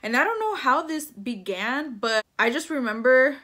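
Her voice high-pitched, expressive and fairly bright, a woman in her 20s tells a personal story at a moderate pace in a casual chat to camera. She talks with slang, mixing English and Spanish, from a small, plain room indoors.

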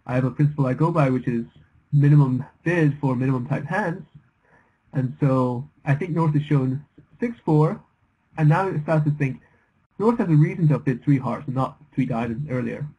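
A man's voice: mid-range voice, normal speed, breathy edge, lo-fi sound. A young man analysing bridge bidding as a commentator, thoughtful and a little hesitant. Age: young adult.

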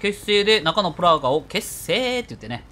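Excitable Kansai man with lively pitch. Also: a little fast, slight background noise. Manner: excitable, jokey, reads game text aloud. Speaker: game streamer. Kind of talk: let's play commentary.

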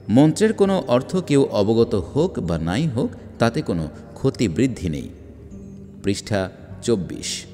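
A man reading a religious book aloud in a measured, emphatic way, with rhetorical questions. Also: mid-range voice, darkish tone. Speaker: audiobook reader. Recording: long hall reverb.

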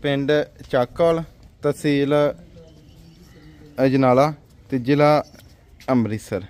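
A man with a medium-pitched, slightly mellow voice hosts a livestock sale video outdoors in a farmyard. It's a casual interview, and he's friendly and promotional, offering brief acknowledgments.

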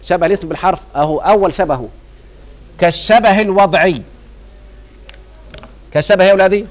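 A man's voice: high voice, fast. Egyptian man teaching grammar, quizzing students. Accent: Egyptian Arabic. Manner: keeps quizzing students with rhetorical checks. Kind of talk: classroom lecture. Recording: dull lo-fi recording.

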